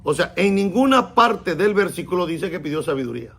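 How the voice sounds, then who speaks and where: A man, a rabbi, teaching a Bible class, explaining words slowly and asking his students questions. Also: sits high, lively intonation, creaky, fairly bright tone. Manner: stresses and repeats key words slowly.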